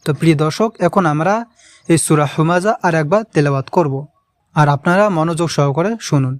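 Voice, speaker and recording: A man leads a patient pronunciation lesson and stretches out every word as he repeats it. His voice sits high and comes through smooth and clear. The recording is dry and close. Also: brisk, no echo. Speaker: Quran recitation teacher.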